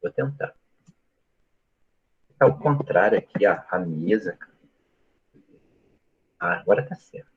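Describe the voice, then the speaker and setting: Guy teaching grammar on a live stream, husky voice, keeps asking if everyone gets it, kinda muffled audio. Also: fairly low pitch, expressive, measured pace, pauses often. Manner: explanatory, asks frequent checking questions. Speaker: Portuguese teacher. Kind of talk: live online grammar lesson.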